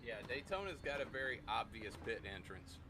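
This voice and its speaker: A man's voice: medium pitch, sing-song, brisk, a crowd in the background. A man chatting casually and bluntly as a race engineer to his teammate, with car engines behind him. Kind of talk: casual sim racing team chat. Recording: very noisy, engine roar. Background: race car engine noise.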